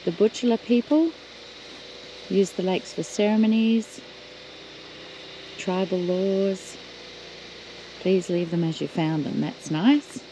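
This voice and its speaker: A woman's voice: medium pitch, fairly even intonation, slow, long pauses, mellow. Aussie woman chatting away on a road trip vlog, laughs a lot, noisy outdoor recording with car sounds behind. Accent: Australian. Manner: chatty, laughs often, points out sights. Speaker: travel vlogger. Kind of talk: casual chat while touring. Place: outdoors, driving the beach and walking bush tracks. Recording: outdoor video with noticeable background noise.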